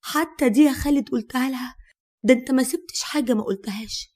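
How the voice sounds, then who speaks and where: A woman's voice: high-pitched, fast, darkish tone. A woman voicing an indignant Egyptian young wife. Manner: indignant, questioning.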